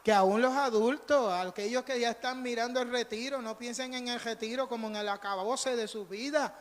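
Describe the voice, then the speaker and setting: A Puerto Rican man, speaking with a Puerto Rican Spanish accent, preaches as a pastor in a very high voice at a moderate pace. His style is emphatic and conversational, built on storytelling, repeated lines, and dialogue he acts out. The audio comes from a live service in a church sanctuary, with hall reverberation.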